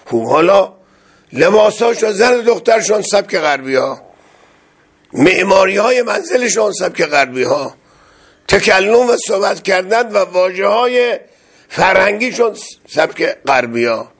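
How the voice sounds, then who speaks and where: A male preacher with a raised, gravelly voice and a husky, rough edge. He delivers his sermon with passion, pushing hard on key phrases. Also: high-pitched, sing-song. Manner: impassioned, rising to emphatic outbursts. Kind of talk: religious sermon.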